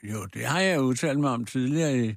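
A man's voice: mid-range voice, gravelly, no room sound, studio quality. A man who served as a minister, answering tersely and bluntly on a political panel. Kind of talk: panel discussion.

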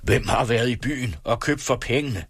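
A man reading aloud and voicing a hot-tempered, bullying middle-aged father who thunders at his family, with a husky voice. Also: lowish voice, big pitch swings, a bit bright, no echo, clean studio sound, pitched above the performer's own voice, full character voice. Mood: angry. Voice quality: raised, thundering delivery. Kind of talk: audiobook reading.

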